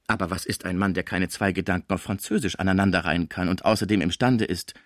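A man voicing a scheming, fawning older female portress in an audiobook, flattering and pushy. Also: low-pitched, fast talker, dry recording, clean studio sound, lightly acted. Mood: wheedling. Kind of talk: audiobook character voice.

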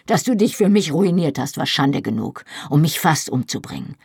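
A bitter, anguished young man, his pained outbursts breaking through, as a woman reader voices him. The voice sits low and husky, recorded close and dry with no room around it. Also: sing-song, normal speed, a little mellow, no room sound, heavily acted. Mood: desperate.

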